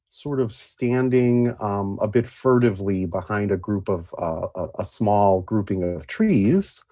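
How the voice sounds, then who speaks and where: A man with a husky voice telling a dramatic story as game master of a tabletop game. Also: fairly low pitch, lively intonation, measured pace, mellow, no echo, studio quality.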